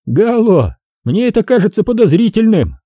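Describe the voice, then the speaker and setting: A man voicing a high, mocking cop. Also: big pitch swings, normal speed, warm tone, no room sound. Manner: mocking, teasing interjections. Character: sardonic, needling male police officer, smoker.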